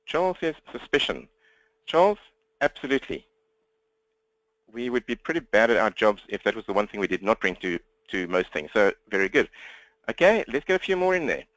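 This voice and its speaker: This live webinar training comes from a man with a South African accent at his home desk, talking to his laptop fast, upbeat and direct. He has a lowish, sing-song, somewhat bright voice, and the recording sounds muffled.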